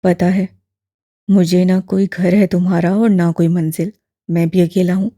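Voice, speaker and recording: A woman's voice: on the low side, unhurried, dry recording, studio quality, pitched below the performer's own voice. A woman voicing a kindly old imam. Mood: gentle. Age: older. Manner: steady, balanced, fatherly tone. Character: kindly elderly male mosque imam, calm and patient.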